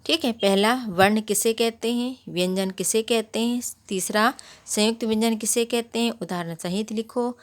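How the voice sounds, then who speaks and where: A woman's voice: fairly high pitch, moderate pace. A woman teaching a grammar lesson to young pupils, explaining step by step and often checking with questions. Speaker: primary school teacher. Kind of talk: Hindi grammar lesson for children.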